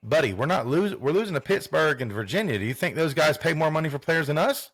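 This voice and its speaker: A man's voice: a little high, expressive, fast talker, a bit bright, no room sound, clean studio sound. A man co-hosting a podcast in casual sports chat, rambling and repeating himself as he talks. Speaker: podcast co-host.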